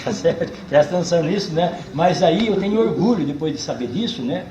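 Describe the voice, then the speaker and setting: An older man with a caipira accent from the São Paulo countryside, a cordel poet chatting casually with a tour group in a folksy, animated way, drawing words out for emphasis. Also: a little high, brisk, roomy sound, slight background noise, rough recording. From Brazil.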